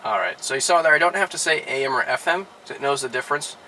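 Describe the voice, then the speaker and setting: A man, a car dealership product specialist, giving a relaxed how-to demonstration inside a car, with many "all right" and "uh" fillers. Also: mid-range voice, fast, slight background noise, rough recording.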